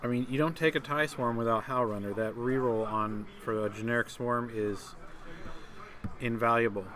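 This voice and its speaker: A male tournament commentator covers a live tabletop miniatures game at normal speed. His mid-range voice is steady and a bit bright, and his casual, conversational style stumbles along with fillers and restarts.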